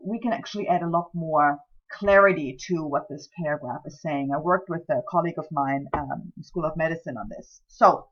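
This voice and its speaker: A deep-voiced woman speaks a little fast with hardly any pauses, on a recording whose highs are cut off. She's a writing instructor, German by first language, giving a chatty scientific-writing lecture loaded with ums and self-deprecating asides.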